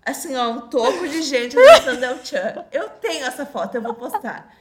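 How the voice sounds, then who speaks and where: Animated high-voiced woman podcaster. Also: moderate pace, roomy sound, a little hiss or hum. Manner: lively, teasing, laughs often. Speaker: podcast co-host. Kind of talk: casual podcast chat.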